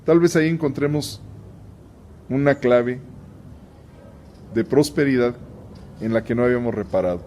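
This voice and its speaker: A man's voice: mid-range voice, moderate pace, long pauses, mellow, slight background noise. A man hosting a conversational Bible lesson for viewers, chatty, often restarting his sentences and turning aside to address his audience. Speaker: host and Bible teacher.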